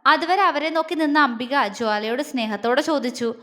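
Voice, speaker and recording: A woman narrating a romantic family audio story in an expressive storytelling manner. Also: high-pitched, normal speed, big-room sound. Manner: expressive, voices every character herself.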